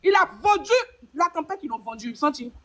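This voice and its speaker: A woman's voice: sits high, lively intonation, brisk, a bit bright. A woman with an Ivorian French accent trading rhythmic, repetitive insults on a live stream panel.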